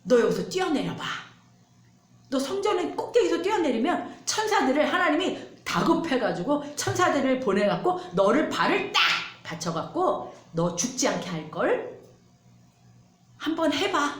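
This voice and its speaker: A coaxing, boastful male devil, as a woman preacher puts him on, daring and tempting in a high, swooping voice. He taunts with lively rises and falls. A roomy church echo hangs around every word. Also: normal speed. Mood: taunting.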